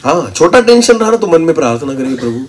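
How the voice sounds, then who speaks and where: Animated preacher man, pitch leaping about. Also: quick pace. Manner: animated preaching with sudden shouts; quizzes the congregation, asks them to repeat answers. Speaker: pastor. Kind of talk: call-and-response sermon.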